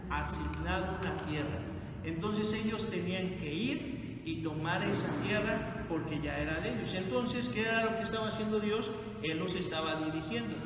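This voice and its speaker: Man, Bible study teacher, quizzes the group, noisy distant recording. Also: high voice. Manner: asks the group questions and repeats their answers. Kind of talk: classroom Bible lesson with questions to the group. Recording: echoey hall from far off, noisy.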